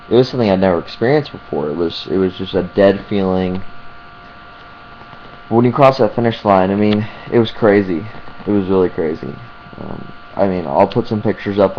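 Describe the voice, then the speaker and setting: A man with a very low voice talks casually to his vlog audience. He speaks haltingly, searching for details as he goes. The sound is dull and muffled, with an electrical hum behind him. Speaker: vlogger. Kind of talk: casual vlog talk to camera.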